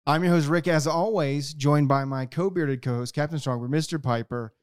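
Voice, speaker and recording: A man's voice: a little high, moderate pace, clean tone, dry recording, studio quality. A man hosting a collectors' podcast, joking and rambling in a casual chat. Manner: jokey, rambling, self-mocking. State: tired from no sleep. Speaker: podcast host.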